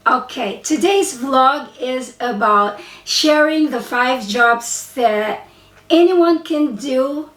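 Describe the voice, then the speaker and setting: A woman with a Filipino accent talks casually to her viewers in a slow, meandering way, often stopping to correct herself. Her voice sits a little high. She sounds distant from the mic in a reverberant room. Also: fairly bright tone. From Philippines. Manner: chatty, rambling, frequent self-corrections. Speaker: vlogger and English teacher. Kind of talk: casual chat to camera. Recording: roomy, voice from a distance.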